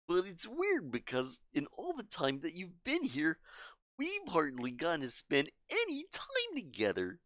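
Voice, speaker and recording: A woman's voice: fairly low pitch, huge pitch swings, a little slow, no echo, studio quality, voice pushed up. A woman voicing a cheerful, caring teenage club president in a visual novel, sounding sweet and earnest. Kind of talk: reading game dialogue aloud.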